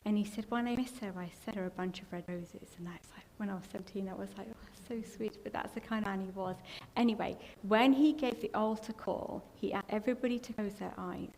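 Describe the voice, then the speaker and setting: Her voice is medium in pitch, a little mellow, fairly quick, and fairly even in intonation. A middle-aged woman from England, she gives a rambling, emotional personal testimony in a church hall, at times choking with tears. Long hall reverb and faint background noise color the recording.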